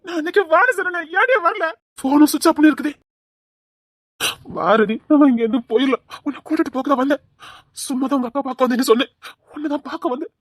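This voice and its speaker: A desperate young groom in a home-made drama, voiced by a woman, pleading in a quick, high voice. The sound is close and dry, with no room around it. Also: lively intonation, dry recording. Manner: pleading, emotional. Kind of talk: amateur drama dialogue.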